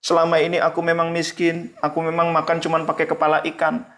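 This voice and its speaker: A man's voice: fairly high pitch, monotone, quick pace, fairly bright tone. A man voicing a poor old ascetic Sufi teacher, close to the storyteller's own voice, in an acted tale. He speaks earnestly and plainly to his pupil. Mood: remorseful.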